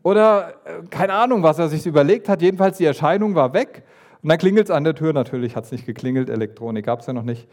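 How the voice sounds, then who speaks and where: A man delivers a sermon with lively, playful storytelling. He jumps in and out of the voices of the story's figures and talks straight to the congregation. His voice sits a little high. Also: fast. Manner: animated, acts out voices of the story with pitch jumps and asides. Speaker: preacher.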